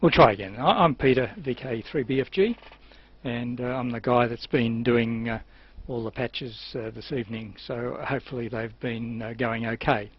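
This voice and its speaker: This is an Australian man, an amateur TV operator and presenter, doing an unrehearsed technical demonstration. His voice is medium in pitch and his pace moderate, his explanations hesitant but matter-of-fact. Hiss is clearly audible on the dull, lo-fi recording.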